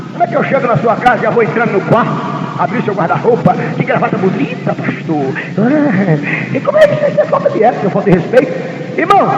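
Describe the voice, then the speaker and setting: High pitched preacher guy, dramatic and shouty, old noisy tape with lots of echo. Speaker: pastor. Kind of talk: sermon. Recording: echoey hall, lo-fi 1990s recording, noisy.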